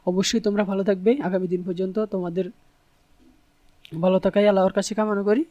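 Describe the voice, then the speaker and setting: A man's voice: sits high, level tone, quick pace, warm tone, dry recording, muffled recording. A man teaching English in an online tutorial. He explains patiently and spells words out letter by letter.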